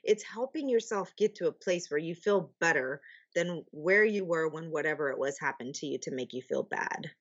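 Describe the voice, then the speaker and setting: A woman's voice: sits low, expressive, moderate pace, breathy edge, muffled recording. A woman guest on a podcast, chatting casually, laughing often and using lots of fillers. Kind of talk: casual interview chat.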